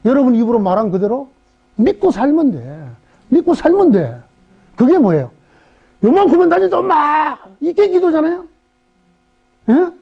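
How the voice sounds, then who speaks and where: A middle-aged male pastor preaching a sermon in an animated way, firing rhetorical questions at the congregation and acting out voices. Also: very high voice, normal speed, gravelly, long pauses. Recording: dull, muffled sermon recording.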